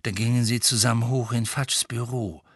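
Male reader as a mild, kindly dad, bright and close. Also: medium pitch, fairly even intonation, normal speed, slightly rough, no room sound. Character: kindly father, mild and good-natured.

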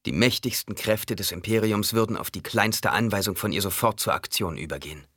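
Man's audiobook narrating, deep, husky, measured, dry sound. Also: bright, forceful tone, dry recording. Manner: measured, dramatic reading.

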